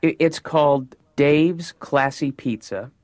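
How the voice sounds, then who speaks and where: A man's voice: on the high side, takes it slowly, a little mellow, dry recording, studio quality. A man doing a comedy bit as a therapy patient, eager and rambling, stumbling over his words.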